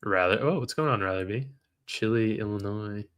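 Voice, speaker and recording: Guy on a trading livestream, lowish bright voice, grumbles at the chart and reads chat. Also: moderate pace, smooth. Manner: frustrated, talks to chat while reading comments. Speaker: livestream trader. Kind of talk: live trading stream chat.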